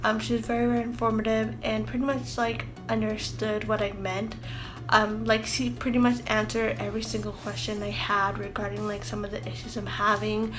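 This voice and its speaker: A woman's voice: medium pitch, level tone, a little fast. A woman in her mid-twenties chatting loosely in a casual video diary, her speech slightly lisped from wearing a retainer. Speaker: vlogger. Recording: music behind the voice. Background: clear background music.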